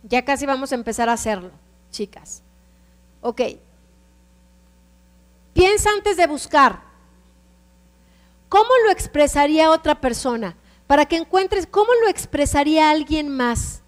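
High-voiced Mexican woman teaching a class. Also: in a large hall. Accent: Mexican Spanish. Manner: explains step by step, checks in with the class often. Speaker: computer class instructor.

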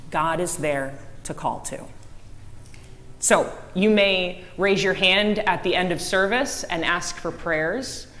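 A woman giving a children's message in a church service, asking the kids lively questions and echoing back their answers. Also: fairly low pitch. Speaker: director of faith formation giving a children's message. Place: church sanctuary with a choir. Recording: long church reverb, faint room noise.

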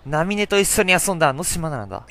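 A man reading aloud the lines of a cheerful teenage boy hero from a game, in a lively, bright voice. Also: a little high, fast talker, full character voice. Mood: puzzled.

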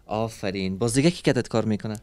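Gentle coaxing man. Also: lowish voice, clean tone, no echo. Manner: gentle, coaxing, soothing, full of endearments. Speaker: charity vlogger interviewing working street children. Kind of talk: street interview. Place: street outdoors.

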